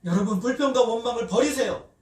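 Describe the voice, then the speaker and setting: A man's voice: very high-pitched, fast. A man preaching a sermon as pastor, animatedly asking the congregation questions and leading them in call-and-response. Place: church sanctuary. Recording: roomy church hall, voice from a distance.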